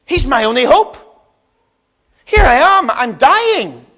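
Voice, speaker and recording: A man preaching, voicing a desperate blind beggar who cries out loud, pleading for mercy. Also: very high-pitched, big pitch swings, takes it slowly, voice pushed up, exaggerated voice.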